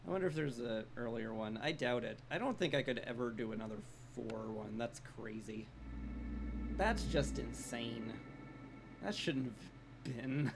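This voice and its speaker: Raspy-throated man streaming a game. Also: medium pitch, expressive, a little slow. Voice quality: raspy, like a smoker's rasp. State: strained, hoarse throat. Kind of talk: casual live gameplay commentary. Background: music.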